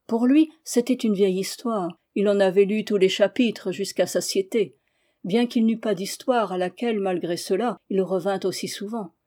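A woman narrating a classic novel in a measured, expressive reading. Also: mid-range voice.

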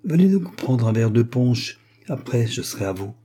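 A man reading an audiobook and voicing a hoarse, cynical male street thug who talks slangy and boastful. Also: mid-range voice, big pitch swings, normal speed, warm tone. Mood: jovial. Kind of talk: audiobook character voice.

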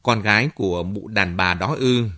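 A man's voice: on the low side, normal speed, bright, forceful tone, no room sound, studio quality, faint music behind. Male reader as a resentful storybook matriarch, cold, contemptuous, unyielding. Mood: bitter. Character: bitter, stubborn older mother.

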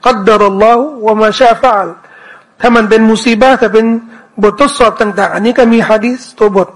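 A man teaching a commentary lesson on scripture, answering questions in a casual way, repeating words and reciting verses slowly. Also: high-pitched, rough recording. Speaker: Islamic teacher.

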